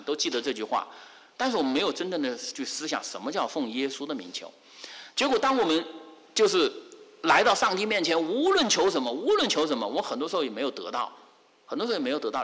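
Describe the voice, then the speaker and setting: A man preaching a sermon, animated, asking rhetorical questions again and again. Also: medium pitch, long reverb tail.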